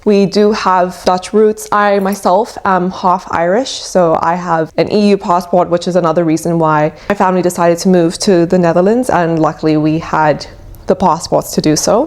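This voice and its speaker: South african young woman vlogging, chatty, a bit low voice, explains stuff with lots of ums. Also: fairly even intonation, normal speed, a little mellow. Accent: South African English. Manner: chatty, explains with frequent fillers and restarts. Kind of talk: casual talking-to-camera vlog.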